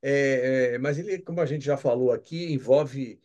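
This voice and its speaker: A man's voice: mid-range voice, normal speed, darkish tone. A Brazilian man interviewing a guest, asking questions in a conversational way with short acknowledgements.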